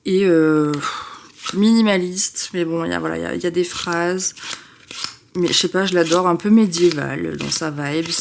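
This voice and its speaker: A young woman with a somewhat low voice chats casually and excitably, interrupting herself and filling gaps with hesitations. A faint noise floor sits under the recording. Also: normal speed, creaky. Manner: chatty, excitable, self-interrupting with many fillers. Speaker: tarot vlogger. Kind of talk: casual chat.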